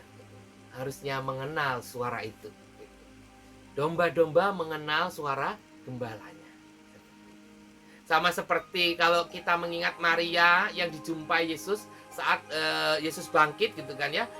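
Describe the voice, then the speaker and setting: A woman with an Indonesian accent leads a morning prayer devotional in a bright, clear voice. She talks conversationally, dropping filler tags after nearly every phrase and pausing to hesitate. Faint music sits behind her. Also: fairly low pitch. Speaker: preacher at morning prayer meeting. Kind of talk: devotional sermon.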